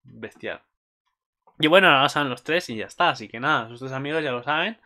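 A young man recapping an anime episode in a gushing, excited way, breaking into high squeals and shouts. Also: quick pace. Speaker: anime commentator.

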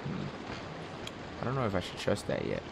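A man's voice: sits low, wildly swooping pitch, unhurried, gravelly, heavy background noise. A young man giving casual, nervous gameplay commentary full of slang and swearing. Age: young adult. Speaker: gamer, host of a horror game playthrough. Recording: music behind the voice.

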